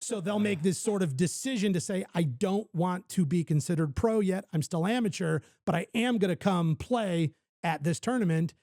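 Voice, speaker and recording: A man's voice: high-pitched, moderate pace, few pauses, a little mellow, dry recording, clean studio sound. A man hosting a casual talk show, bantering and joking with his panel. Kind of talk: casual chat.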